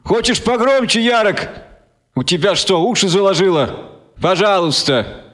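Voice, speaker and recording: A man's voice: high voice, animated, unhurried, fairly bright tone, voice pushed up. A man voicing a cocky, boastful young man who teases his friends. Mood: teasing. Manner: boastful, teasing. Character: cocky young male radio tinkerer Indyuk.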